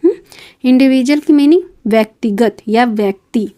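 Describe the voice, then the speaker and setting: A woman's voice: fairly high pitch, normal speed, mellow. A woman teaching English vocabulary, spelling words letter by letter and repeating each meaning. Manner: adds short fillers and checks between words. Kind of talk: vocabulary lesson.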